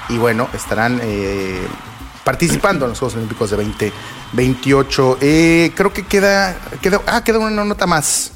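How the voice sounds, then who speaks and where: A man hosting a casual radio talk, pausing often with fillers and restarts. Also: mid-range voice, fairly bright tone, soft background music. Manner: hesitant, many fillers and restarts. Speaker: radio show host reading sports news.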